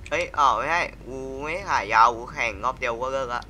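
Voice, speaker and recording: A man chatting crudely with a friend while playing a racing game, speaking quietly into a mic set far from his mouth at home. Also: mid-range voice, quick pace, crowd noise. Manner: crude joking banter, swears a lot. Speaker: gamer streamer. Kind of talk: casual gaming chat. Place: home at night.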